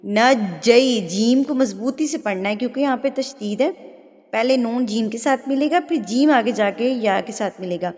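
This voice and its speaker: A woman with a slightly high voice teaches Quran recitation. She walks through each pronunciation rule patiently, then recites the verses in a slow, drawn-out chant. Her voice trails off into a long hall reverb. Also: a bit bright. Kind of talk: tajweed lesson, explaining rules then reciting.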